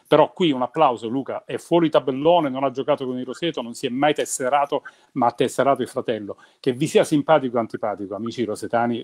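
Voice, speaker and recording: A man, a former basketball announcer, telling lively, emphatic stories in a relaxed chat. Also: medium pitch. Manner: animated storyteller, emphatic. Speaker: former team announcer and commentator. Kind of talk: reminiscing in casual chat.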